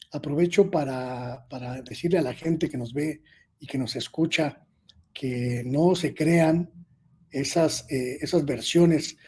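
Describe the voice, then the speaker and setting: Slow husky man commenting. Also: on the high side, dark tone. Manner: measured, emphatic, with filler pauses. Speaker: guest journalist. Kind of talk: political commentary in an online interview.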